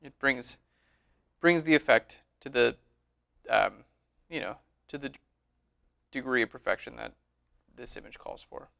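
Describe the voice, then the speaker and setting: A man giving a relaxed, chatty screen-recorded tutorial on photo editing, often saying "all right". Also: medium pitch, a little slow, creaky, pauses often.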